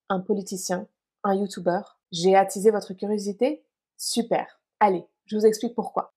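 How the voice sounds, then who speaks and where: Woman from France, language teacher reading a scripted lesson, mellow tone with a husky edge. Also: mid-range voice. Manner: clear, encouraging instruction addressed to listeners.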